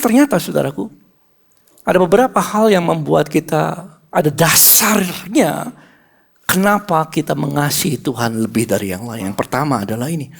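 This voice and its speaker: A middle-aged man preaching a sermon as pastor, swinging between loud emphasis and hushed whispers and calling on the congregation to answer. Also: high voice, vocal fry. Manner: asks the congregation call-and-response questions.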